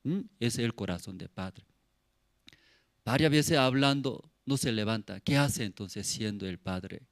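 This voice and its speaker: Leading a church service, a middle-aged pastor preaches in simple non-native phrasing, repeating words for emphasis and putting questions to the congregation. His voice is on the low side, animated and a little slow, with no echo.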